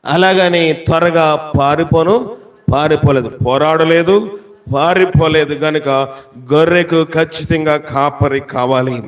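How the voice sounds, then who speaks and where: A man with a high voice preaching a sermon. He keeps asking his listeners questions, then slows right down to quote scripture with heavy emphasis. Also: fairly even intonation. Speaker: pastor.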